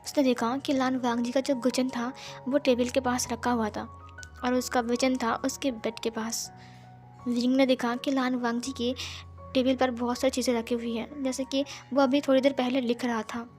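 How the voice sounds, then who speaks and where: A woman narrating a fan-fiction story in a lively, conversational way. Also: a little high, moderate pace, soft background music.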